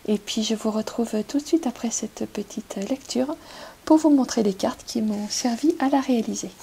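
A woman giving a tarot reading to her viewers, speaking gently and unhurriedly with many pauses. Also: a little high, gravelly, a little hiss or hum, low-quality recording. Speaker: tarot card reader.

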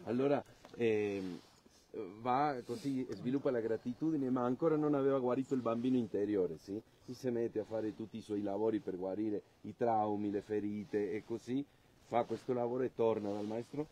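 A man working as an interpreter, retelling a parable in his own relaxed words. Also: fairly low pitch, normal speed, slight background noise. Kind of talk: consecutive interpreting.

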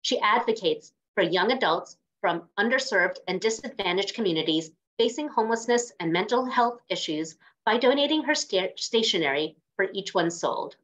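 A woman's voice: medium pitch, lively intonation, moderate pace, hardly any pauses, fairly bright tone. A woman podcast host who reads a guest introduction and asks encouraging questions over a video call. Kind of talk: reading an intro, then interviewing. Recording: dull lo-fi video call audio.

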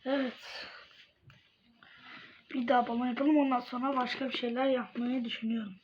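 A woman chatting casually to viewers in an ASMR-like style, softly murmuring and often dropping close to a whisper. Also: on the high side, flat delivery, normal speed. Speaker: video creator talking to viewers. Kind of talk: casual vlog chat while playing with slime, ASMR-like. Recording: dull lo-fi home recording, faint noise, clicking.

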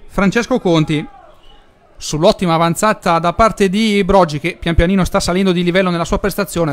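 A male football commentator with an Italian accent and a distinctly high-pitched voice. He describes the match live as play unfolds, lifting into excitement at chances.

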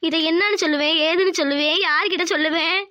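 A woman's voice: extremely high pitch, steady tone, fast, pushed and bright. A woman voicing a fretful, greedy middle-aged village mother in a cartoon, wailing and grumbling in self-pity. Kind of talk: cartoon voice acting.

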